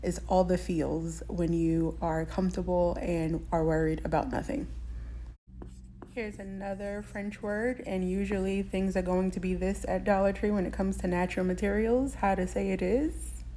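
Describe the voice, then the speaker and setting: A woman's voice: fairly low pitch, steady tone, normal speed, dark tone, slight background noise. A woman hosting a shopping channel who explains how to say tricky words in a chatty way, laughing lightly now and then. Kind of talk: casual explanatory lesson.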